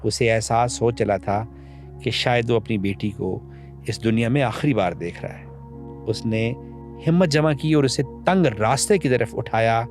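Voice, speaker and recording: A man's voice: mid-range voice, a little mellow. A man narrating a tragic story in a solemn, emotional storytelling manner. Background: faint background music.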